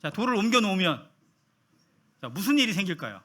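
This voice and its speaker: A man preaching a sermon. His voice is high and bright, and it swings up and down a lot. He keeps asking the listeners questions and acts out the people he quotes. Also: sing-song, brisk.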